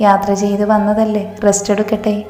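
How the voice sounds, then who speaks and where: A woman voicing an affectionate older mother figure who gently scolds. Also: mid-range voice, monotone, fairly quick, close to an everyday voice. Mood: fond. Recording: roomy hall reverb, faint music.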